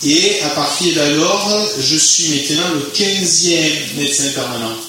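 A man's voice: a little high, a little slow, bright, forceful tone. Italian-accented man speaking in an echoey tent. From Italy. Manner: self-mocking, chatty, slightly broken French. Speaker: physician guest speaker. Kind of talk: public talk to a youth group. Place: large tent at a youth camp. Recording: echoey tent with clear background noise.

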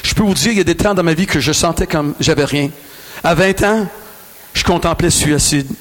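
Québécois male preacher, high voice, bantering with a big crowd. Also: a little fast. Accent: Québécois French. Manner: animated, joking with the crowd. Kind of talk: lively sermon. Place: large hall with a crowd.

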